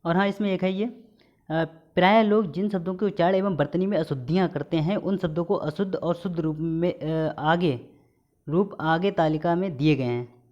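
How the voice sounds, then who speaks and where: Hindi teacher drilling spelling, lo-fi sound. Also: male voice, a little high, moderate pace, a little mellow. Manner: reads word pairs, correct against wrong, with repeated stress. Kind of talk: exam-prep lesson. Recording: dull lo-fi recording.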